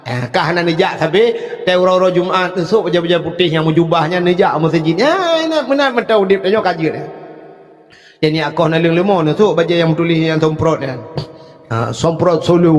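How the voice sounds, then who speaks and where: A man with an Acehnese accent preaching a humorous sermon, telling stories in a lively way with sudden shouts. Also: high-pitched. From Aceh, Indonesia. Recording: long hall reverb.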